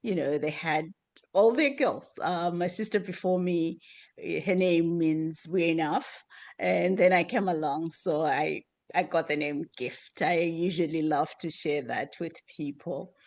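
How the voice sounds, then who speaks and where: A slow, unhurried woman from Zimbabwe, in her fifties, being interviewed. Her voice sits on the low side, and she talks softly with frequent pauses, ums and light laughter. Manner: soft-spoken, laughs often, hesitant with ums. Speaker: guest. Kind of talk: interview conversation.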